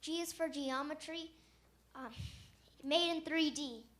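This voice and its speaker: Young woman reciting rhymes, high voice. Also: a little slow, fairly bright tone. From Virginia. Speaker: contestant in skit. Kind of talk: student stage skit.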